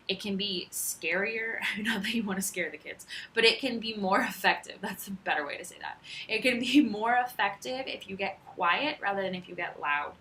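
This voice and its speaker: Woman teacher chatting thru classroom advice, bright clear voice, relaxed and informal. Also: mid-range voice, slight background noise, low-quality recording. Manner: chatty, walks through classroom tips conversationally. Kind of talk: casual instructional talk.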